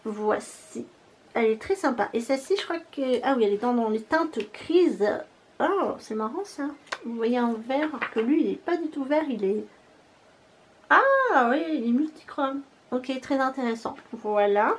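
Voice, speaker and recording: A high-voiced woman from France chats through a beauty haul vlog, rambling loosely and filling pauses with hesitations. She laughs at herself now and then. A faint hiss sits under the recording. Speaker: beauty vlogger.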